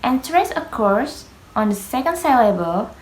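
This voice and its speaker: A young female student presents a lesson on pronunciation, slowly and hesitantly, stopping often for fillers. She speaks Indonesian as her first language, and her English has small grammar slips. Her voice sits at a middle pitch in an echoey room. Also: big pitch swings. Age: young adult.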